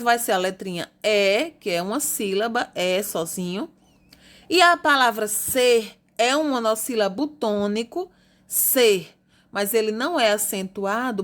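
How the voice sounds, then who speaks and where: A woman teacher from Brazil, patiently going over homework answers and spelling out grammar rules slowly. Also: on the high side, a bit bright. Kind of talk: recorded classroom lesson correcting homework.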